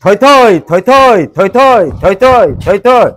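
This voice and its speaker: An actor playing an excitable village announcer, hawking a song concert in repetitive sing-song chants in a comedy sketch. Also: male voice, extremely high pitch, slow, exaggerated voice. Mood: excited chanting. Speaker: event announcer. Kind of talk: loud chanted street publicity announcement.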